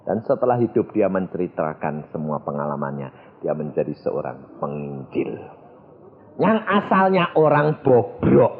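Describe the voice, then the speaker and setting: A male evangelist preaching a sermon, telling a story in an animated way and acting out the voices. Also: rumbling low, unhurried, gravelly. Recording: tinny phone-like sound.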